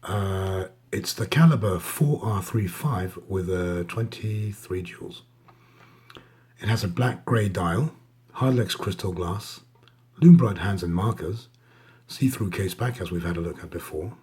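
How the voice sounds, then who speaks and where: A man giving a casual, hesitant watch show-and-tell, his voice husky, thick and strained from a sore, swollen throat. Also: low voice, a little slow, a little mellow. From Denmark. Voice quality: husky, raspy. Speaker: watch reviewer.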